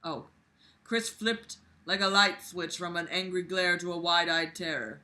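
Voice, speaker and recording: Hosting a comedic book-reading series, a sarcastic, exasperated woman reads a book aloud and mocks it with profane commentary. Her fairly low, sharp-toned voice is unhurried, with theatrical, exaggerated emphasis and sudden outbursts.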